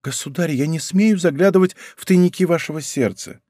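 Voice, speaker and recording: A man's voice: a little high, brisk, mellow, dry recording, clean studio sound, pitched above the performer's own voice, lightly acted. A man voicing a timid, frightened young court lady, pleading in anxious exclamations in an audiobook reading.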